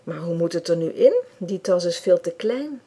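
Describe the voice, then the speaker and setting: Storybook kid: woman reading as a sulky small boy, stammers, low soft voice. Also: animated, moderate pace, husky. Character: whiny stubborn little boy.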